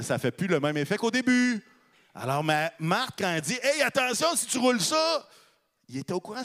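A man's voice: fairly high pitch, big-room sound. A man with a Québécois accent preaching a conversational sermon into a microphone, reading scripture and asking the audience questions. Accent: Québécois French. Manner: animated, asks the audience questions.

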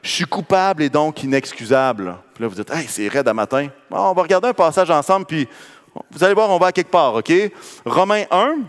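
A man's voice: on the high side, very animated, fairly quick, long reverb tail. A man preaching a sermon with a Quebec French accent, talking conversationally and checking in with the congregation. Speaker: pastor. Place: church.

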